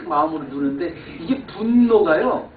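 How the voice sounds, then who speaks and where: A man preaching a sermon as pastor, telling a personal story and swinging from quiet asides to loud exclamations. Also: fairly high pitch, lively intonation, normal speed, slight background noise. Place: church sanctuary. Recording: echoey church hall, far mic, phone-like band.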